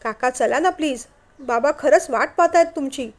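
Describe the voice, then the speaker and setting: A kind young woman who keeps pleading with others to come inside, earnest and insistent, as a woman narrator reads her part. Her voice sits high. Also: normal speed, lightly acted.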